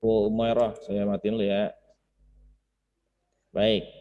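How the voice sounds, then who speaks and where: Slow and warm, with a low voice and little pitch movement, a man gives an informal online Quran recitation class over Zoom, explaining and repeating words and syllables through chanted demonstrations. The audio is muffled and reverberant, with slight background noise.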